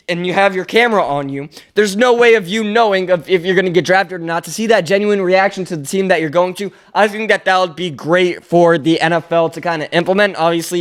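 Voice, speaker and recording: High-voiced, smooth young man talking sports. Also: a bit bright. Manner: rambling, self-correcting, opinionated. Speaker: podcast host. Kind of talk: casual solo sports commentary.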